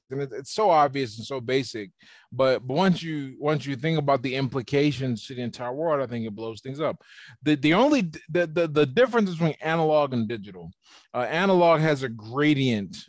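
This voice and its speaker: Over a video call, a podcast guest with a medium-pitched voice explains his ideas at length in a relaxed, chatty way. There's no echo on the recording.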